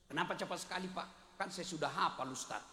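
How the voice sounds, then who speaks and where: Bright-voiced joking preacher, booming hall. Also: male voice, fast talker. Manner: jokey storytelling, bursts into song and acts out quotes. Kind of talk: humorous sermon at a public gathering. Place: large outdoor religious gathering. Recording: echoey PA in a big venue.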